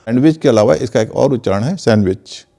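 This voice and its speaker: A man's voice: mid-range voice, a little fast, vocal fry, mellow. A man teaching English pronunciation in Hindi, methodically spelling words out and repeating examples. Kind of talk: explanatory lesson in conversation.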